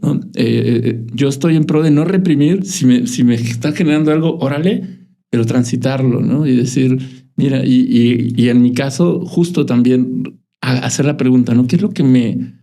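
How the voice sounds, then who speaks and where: A man's voice: mid-range voice, moderate pace, gravelly, warm tone. A man hosting a podcast, talking in a reflective, hesitant way with many restarts. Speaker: podcast host. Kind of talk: casual spiritual conversation.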